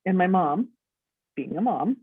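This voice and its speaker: A woman's voice: fairly low pitch, lively intonation, measured pace, slightly rough, dry recording. A middle-aged woman, a podcast guest, telling her story and acting out the dialogue as she goes. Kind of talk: storytelling interview. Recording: tinny dry phone-line audio.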